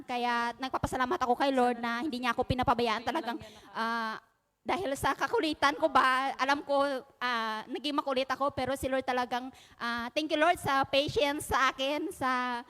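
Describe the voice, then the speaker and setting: A woman giving a personal testimony about her work as a domestic helper, speaking earnestly and gratefully with halting pauses. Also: high-pitched, a bit bright. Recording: long reverb in a large hall.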